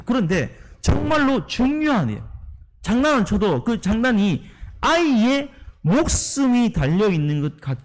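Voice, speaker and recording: Animated, high-voiced pastor preaching. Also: male voice. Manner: emphatic, rhetorical questions to the congregation. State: tired, worn out from preaching often. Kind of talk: sermon. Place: church sanctuary.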